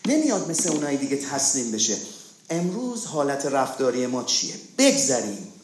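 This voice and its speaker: A man's voice: mid-range voice, big pitch swings, darkish tone, reverberant, slight background noise. A man preaching a sermon, asking rhetorical questions and calling for amens. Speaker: pastor.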